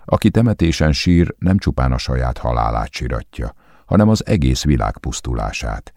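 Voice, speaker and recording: A man narrates a literary audiobook in a very deep, gravelly voice with a dark, mellow tone. His reading is calm and measured. The recording is dry and close, as from a studio booth. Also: no room sound.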